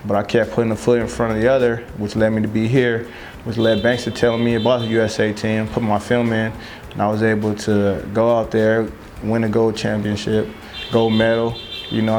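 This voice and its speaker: A man's voice: on the low side, darkish tone, slight background noise. A young man from Southern California, a football player, talking loosely in an interview and filling his speech with "you know what I mean". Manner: loose, rambling, filler-heavy. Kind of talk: casual interview talk.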